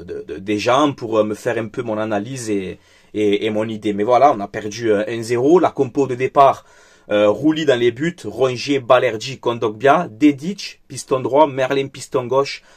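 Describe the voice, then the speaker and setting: A man doing a casual football debrief, frank and chatty, angry and upset after a loss. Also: mid-range voice. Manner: frank and chatty, with many fillers. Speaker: football vlogger.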